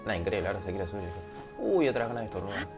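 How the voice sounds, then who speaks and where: A man's voice: on the low side, sing-song, rapid-fire, music in the background. A young man with a Rioplatense accent, rambling and joking with his viewers over a headset mic. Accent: Rioplatense Spanish. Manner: rambling, joking, laughs at himself. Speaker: streamer. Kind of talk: casual gaming livestream chat. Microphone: headset microphone.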